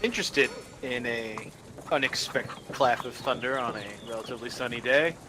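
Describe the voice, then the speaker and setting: A man playing in a tabletop game, speaking in a hesitant, halting way, over a noisy recording. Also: medium pitch. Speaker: player. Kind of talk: casual tabletop game talk. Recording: noisy home podcast recording.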